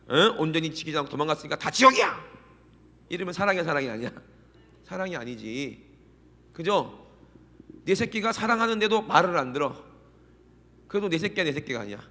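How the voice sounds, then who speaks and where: A middle-aged man preaching a sermon as pastor, animated and constantly firing questions at the congregation. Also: fairly high pitch, gravelly. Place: church sanctuary. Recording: long church hall reverb.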